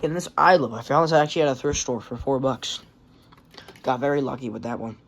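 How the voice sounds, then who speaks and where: A man with a medium-pitched, gravelly, slightly bright voice talks a little fast as he shows off his radio collection. It's a casual, rambling vlog full of swearing, shot on a phone he holds in his hand.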